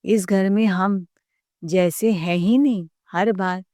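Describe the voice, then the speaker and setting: A woman's voice: mid-range voice, fairly even intonation, slow, mellow, dry recording, studio quality, natural voice. A woman voicing a spiteful, spoiled young sister-in-law who taunts and sulks. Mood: taunting. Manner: taunting, sulky.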